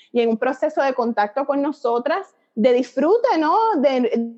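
In a dull lo-fi recording, a middle-aged Puerto Rican psychologist, also the creator of a dance method, talks as an interview guest. She lays out her ideas in a reflective, conversational way with little fillers, in a Puerto Rican Spanish accent, her voice a little high and a little mellow.

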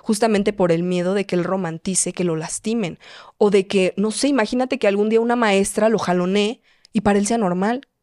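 A woman's voice: medium pitch, fairly quick, darkish tone, no echo, studio quality. A woman in her twenties with a Mexican Spanish accent, chatting as a podcast guest and telling stories full of fillers. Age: 20s. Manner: chatty, filler-heavy storytelling, often acting out quoted voices. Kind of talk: casual conversational interview.

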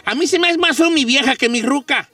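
A man's voice: very high-pitched, fairly quick, pushed and bright, far from the mic, faint music behind. A man hosting a radio show in casual banter, playful and teasing, slipping English phrases into his talk.

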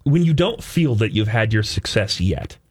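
A man's voice: on the low side, animated, normal speed, darkish tone. A man talking casually and conversationally on a radio talk show.

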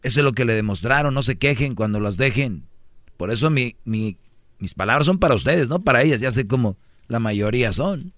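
A man's voice: medium pitch, expressive, fairly quick, fairly bright tone, no echo, clean studio sound. A man with a Mexican accent doing a comic, preachy advice monologue as a radio host. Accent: Mexican Spanish. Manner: brash, preachy, mimics voices for jokes.

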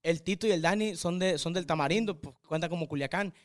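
Young man, Sinaloan accent, hyperactive rambling chat, fairly high voice, dry close sound. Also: dry recording. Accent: northwestern Mexican, Sinaloa. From Mazatlán, Mexico. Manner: energetic, hyperactive, rapid rambling talk. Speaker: podcast guest, drummer. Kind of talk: casual chat.

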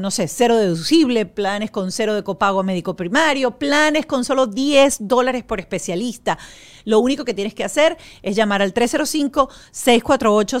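A woman hosting a talk show, chatting casually and reading sponsor messages in a lively, storytelling way. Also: a little high. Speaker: host. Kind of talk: casual chat with live ad reads.

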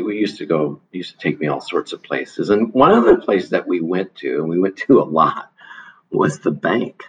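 A man answering interview questions in a measured way, often restarting his sentences. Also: deep voice, a bit bright, slightly rough. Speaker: guest, foundation leader. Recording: dull lo-fi audio.

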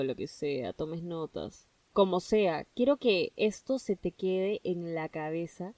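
A woman hosting a solo podcast, giving an excitable, gushing pep talk and dropping English phrases into her speech. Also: lowish voice, no echo, recorded from a distance. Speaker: podcast host.

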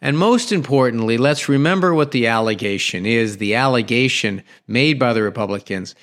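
A talk radio host with a New York accent speaks at medium pitch and normal speed in a slightly bright voice. His delivery is conversational and emphatic, and he often restarts in the middle of sentences.

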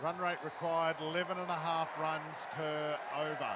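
A man with an Australian accent giving excited, exclamatory live cricket commentary. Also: fairly high pitch, moderate pace. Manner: excited, exclamatory calling of play. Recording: very loud stadium crowd noise behind. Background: roaring crowd at a match.

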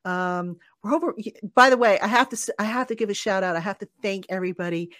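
A man's voice: fast talker, a bit bright, no echo, studio quality. A man hosting a live sports talk show, rambling and self-deprecating, with frequent stammered restarts. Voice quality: high voice, not a radio voice by his own account. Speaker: sports podcast host.

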